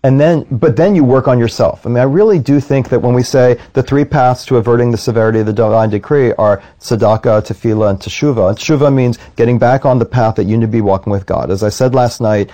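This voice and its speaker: A man who serves as a rabbi talks in a reflective, conversational way. His voice is warm and mellow, and he sits in the middle range for pitch. He keeps an earnest tone and drops into quoted voices as he tells his stories. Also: quick pace, few pauses.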